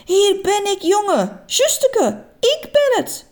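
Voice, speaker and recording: Brief: woman voicing playful old Flemish granny, bright high calls, affectionate, lively swings in pitch. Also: takes it slowly, heavily acted. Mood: joyful, teasing. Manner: teasing, affectionate, excited calls.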